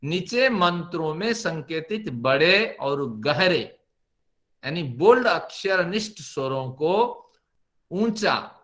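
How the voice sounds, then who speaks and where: A man's voice: on the high side, animated, slow pace, fairly bright tone. A middle-aged man teaching Sanskrit pronunciation for Vedic chanting, explaining step by step and demonstrating long vowels. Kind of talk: spoken Sanskrit pronunciation lesson.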